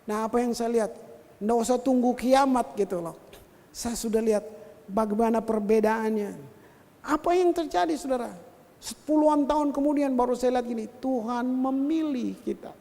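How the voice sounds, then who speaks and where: A male pastor delivers an animated, story-filled sermon and acts out the voices of the people he describes. His voice sits high for a man. A long reverb trails every phrase, as in a big church hall. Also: normal speed.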